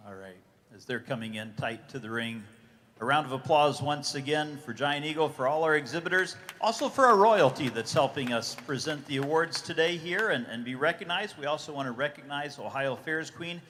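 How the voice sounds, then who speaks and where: A man working as event announcer, making steady formal announcements and thanking guests. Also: fairly high pitch, a little fast, slight background noise. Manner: steady formal emcee delivery. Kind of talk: public announcements.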